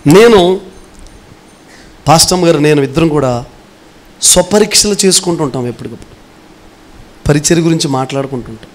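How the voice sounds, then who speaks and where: A middle-aged male pastor preaching a sermon, earnestly pressing rhetorical questions on his congregation and swinging between forceful and hushed delivery. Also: fairly high pitch, animated, normal speed, pauses often.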